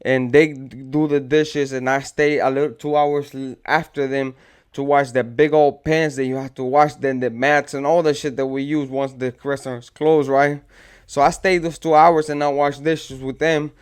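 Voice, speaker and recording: Rambling through a tale from his past, a man uses heavy street slang and performs his friends' lines. He speaks at a moderate pace in a level tone, his mid-range voice clear and resonant.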